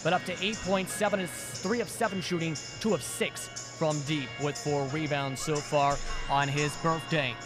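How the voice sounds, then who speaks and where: A man's voice: a little high, fairly even intonation, moderate pace. A man hosting sports broadcast commentary, recapping stats in long, wordy sentences. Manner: wordy, stat-heavy recapping. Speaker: play-by-play host. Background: arena music.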